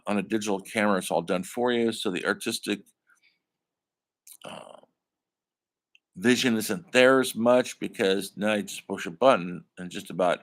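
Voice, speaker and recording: An older man giving a classroom film lecture in a conversational way, calling his students folks. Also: on the low side. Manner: conversational, addresses listeners as folks. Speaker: college film instructor.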